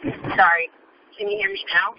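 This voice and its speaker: A woman giving a report on a group call from her car, talking in halting bursts with many filler pauses, heard through a muffled Bluetooth headset mic. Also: mid-range voice, fairly even intonation, a little hiss or hum. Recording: muffled dull headset audio.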